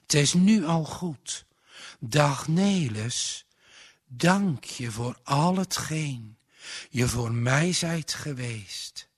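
A man voicing a frail, dying old gentleman who speaks slowly and tenderly, giving a pious blessing in solemn biblical language. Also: a little high, lively intonation, breathy edge, no echo, studio quality, heavily acted. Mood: weary blessing. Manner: slow, weary, blessing in solemn biblical phrasing.

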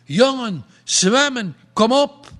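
A strong, worn-out skipper calls out in raised, straining bursts, as a man reading a storybook puts him on. The voice sits fairly high for a man. He speaks slowly and heavily between the cries. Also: sing-song, fairly bright tone, husky, exaggerated voice. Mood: urgent shouting. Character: strong, exhausted male boat skipper.

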